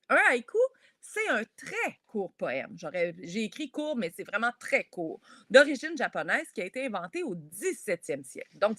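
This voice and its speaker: A woman with a Québécois French accent, a children's author, leading a poetry workshop for schoolchildren over a video call, explaining step by step in a lively, encouraging way. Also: fairly high pitch, dry recording, clean studio sound. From Quebec. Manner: lively, encouraging, explains step by step while talking straight to kids.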